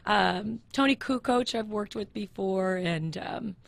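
A woman's voice: mid-range voice, unhurried, creaky, dry recording. A woman fitness trainer and author, a guest in a studio interview, talking in an upbeat, encouraging coaching way and laughing often.

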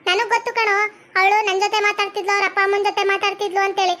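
A woman playing a bossy, sharp-tongued middle-aged village aunt in a comedy skit, speaking with a North Karnataka Kannada accent. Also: extremely high pitch, flat delivery, very fast. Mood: scolding. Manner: scolding, sharp-tongued, theatrical.

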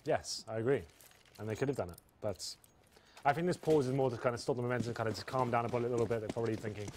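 A man's voice: mid-range voice, fast, a little mellow, a little hiss or hum. A young man in his twenties giving live esports commentary as a caster at a studio desk. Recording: clear game gunfire and clicks behind.

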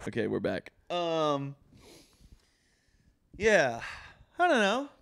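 A man's voice: a little high, wildly swooping pitch, slow, gravelly, a bit bright, dry recording. A young man co-hosting a podcast, chatting casually with profane, teasing banter. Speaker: podcast co-host. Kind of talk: casual chat.

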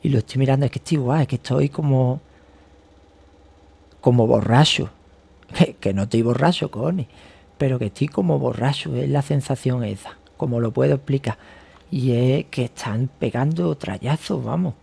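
Gravelly man, agitated vlogger. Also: mid-range voice, normal speed, dark tone. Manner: agitated, rambling, swears often. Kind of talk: casual monologue to camera.

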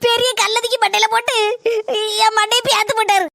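A woman's voice: very high voice, steady tone, fairly quick, creaky, noisy background. A woman voicing a whining, pleading young village wife with a Kanyakumari Tamil accent in a cartoon comedy. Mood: weepy. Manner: weepy, pleading.

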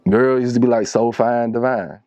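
Here a Shreveport, Louisiana music producer in his thirties appears as an interview guest, conversational and slangy as he tells stories in a Southern accent. His mid-range, darkish voice keeps fairly even intonation at normal speed. The small wood-panelled studio yields no echo, and the highs are cut off.

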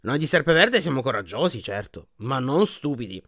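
A man voicing a haughty, sneering old male wizard in a portrait, with a slow mocking drawl, for an audiobook. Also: mid-range voice, sing-song, a bit bright, dry recording, clean studio sound. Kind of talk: audiobook character voice.

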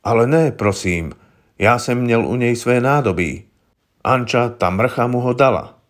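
A man reading aloud, voicing a frightened small-time safecracker who talks plaintively in rough slang. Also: mid-range voice, lightly acted. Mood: bitter.

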